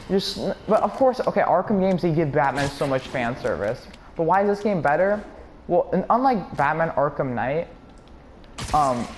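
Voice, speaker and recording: A man giving excited, rambling commentary while playing a video game, often restarting sentences and laughing. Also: fairly high pitch, a little hiss or hum. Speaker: gaming YouTuber. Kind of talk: gameplay commentary.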